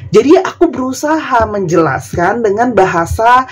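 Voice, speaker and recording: A woman from Indonesia doing a tarot reading in a chatty, casual way, sometimes soft and dreamy, sometimes firm. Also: a little high, animated, normal speed, slightly rough. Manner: chatty, soft and dreamy at times, laughing asides. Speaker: tarot reader.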